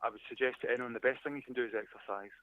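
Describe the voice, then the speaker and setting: A Scottish man in his forties, calling in to a talk show, earnest and opinionated, with halting restarts. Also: mid-range voice, fairly even intonation, no echo. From Scotland. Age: 40s. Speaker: caller. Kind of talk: phone-in chat. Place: calling in by phone. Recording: tinny phone line.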